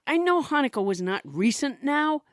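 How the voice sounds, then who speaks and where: A woman comedian hosting a talk show, rambling wryly and telling deadpan jokes. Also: high-pitched, moderate pace, no room sound, clean studio sound. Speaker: comedian host. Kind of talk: comedy podcast banter.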